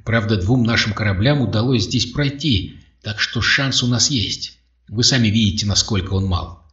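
A man's voice: fairly low pitch, moderate pace, a bit bright, lightly acted. A man reading an audiobook voices a bold, resourceful male starship officer who explains things eagerly. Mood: explaining. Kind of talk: audiobook character voice. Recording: dull roomy audio, distant mic.

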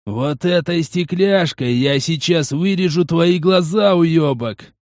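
A man voicing a brutish male biker thug who snarls and swears roughly, in an audiobook. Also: fairly high pitch, takes it slowly, darkish tone, no echo, studio quality, voice pushed up. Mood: snarling. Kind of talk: audiobook character voice.

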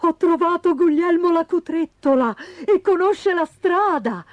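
A woman voicing a warm, motherly mother kangaroo who speaks with care. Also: very high voice, lively intonation, a little slow, no echo, highs cut off, voice pushed up. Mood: excited.

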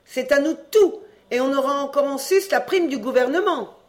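An audiobook reader voicing an excited boy who boasts loudly over a haul of treasure. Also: high voice, moderate pace, pitched above the performer's own voice, natural voice. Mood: gleeful. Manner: gleeful, boastful, drawn out. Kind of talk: audiobook reading, acted dialogue.

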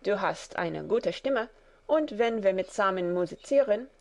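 A woman voicing a sensible, encouraging old male donkey in a warm fairy tale telling. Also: medium pitch, lively intonation, measured pace. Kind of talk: storybook character reading.

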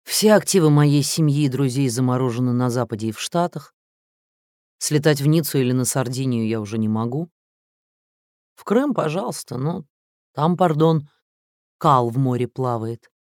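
A man reading an audiobook story, voicing a coarse, quick-tempered male president who snarls and hisses. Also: mid-range voice, darkish tone, dry recording, studio quality, close to an everyday voice. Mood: gloomy. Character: gruff powerful middle-aged male president, contemptuous, quick to rage.

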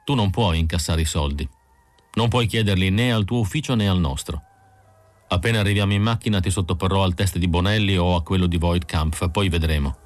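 A man's voice: low-pitched, a little fast, dry recording, soft background music, lightly acted. A man reading an audiobook voices an arrogant, trigger-happy male bounty hunter with a brusque, scornful manner.

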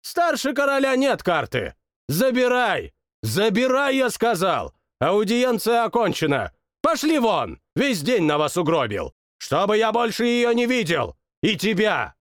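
A bratty young monarch with a shrill, whiny voice that leaps all over the place, performed by a man. He sulks, bosses and shouts at everyone around him. The audiobook sound is close and dry. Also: big pitch swings, moderate pace, no room sound. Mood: furious. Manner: shouts orders and sulks capriciously. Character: petulant, boastful young male king, childish tyrant. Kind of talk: audiobook character voice.

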